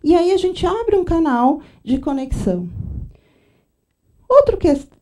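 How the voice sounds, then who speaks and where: A woman with a Brazilian Portuguese accent giving a corporate training talk, lively and acting out little dialogues. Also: very high voice, slow, distant mic.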